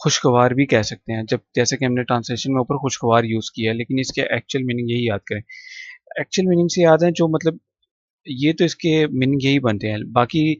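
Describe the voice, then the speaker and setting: A man teaches a textbook poem, listing synonyms slowly and repeating them so students can follow. His voice sits at a middle pitch. The recording is close and dry, with a slightly dull, muffled tone. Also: no room sound. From Pakistan. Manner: patient, repeats words slowly, lists synonyms one by one. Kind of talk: classroom explanation of a textbook poem.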